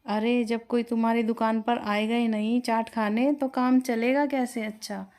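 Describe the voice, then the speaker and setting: A woman voicing an arrogant, mocking male chaat vendor in a storybook tale, talking loudly. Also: on the high side, flat delivery, moderate pace, lightly acted. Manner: mocking, loud.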